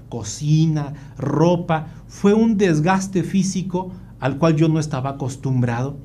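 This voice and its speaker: A man's voice: a little high, mellow. A middle-aged man giving a faith-based family talk, telling a personal story in an earnest way. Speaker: family workshop speaker.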